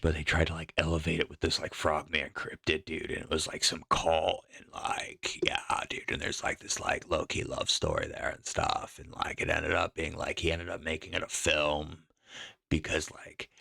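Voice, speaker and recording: Very deep gravelly man ranting. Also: sharp tone, dry recording, clean studio sound. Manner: profane, rambling, exasperated. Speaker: podcast host. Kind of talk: casual ranting commentary.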